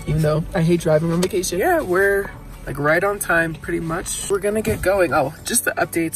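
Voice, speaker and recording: A young woman vlogging casually into a handheld camera, chatty and self-mocking, with loud music playing behind her. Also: lowish voice. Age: young adult. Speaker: travel vlogger. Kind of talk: casual vlog talk to camera. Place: outdoors at a ski area and a hot spring. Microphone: handheld action camera.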